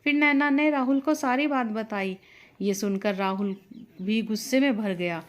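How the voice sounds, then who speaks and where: A woman narrating a scripted family story in a steady, plain storytelling manner. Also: on the high side, measured pace.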